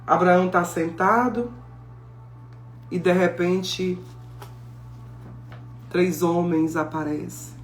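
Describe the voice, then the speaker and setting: Animated woman preaching. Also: on the low side. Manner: animated storytelling, acting out biblical dialogue. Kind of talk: sermon. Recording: echoey room with faint music.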